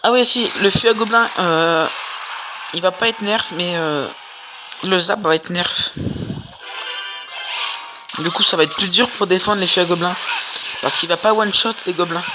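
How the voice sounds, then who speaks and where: A gamer doing casual, slangy, exclamatory live commentary on gameplay, with a mid-pitched voice. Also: moderate pace, pauses often, dull audio. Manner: informal, slangy, exclaiming at plays. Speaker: gaming video creator. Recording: music behind the voice. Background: music.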